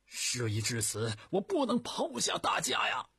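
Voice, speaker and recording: Man doing a proud tearful warlord, husky, raised and impassioned, storybook telling. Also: sits low, very animated, unhurried, a bit bright, no room sound, clean studio sound, heavily acted. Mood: resolute. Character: embattled male commander, proud, tearful, sharp-tempered.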